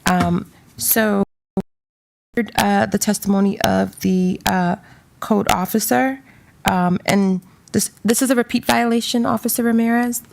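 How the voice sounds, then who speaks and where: Gravelly woman magistrate, courtroom recording. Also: mid-range voice, fairly even intonation, slight background noise. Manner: measured, procedural, with frequent fillers. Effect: courtroom recording from a hearing room. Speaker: special magistrate presiding over a hearing. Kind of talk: formal hearing proceedings. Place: public hearing room.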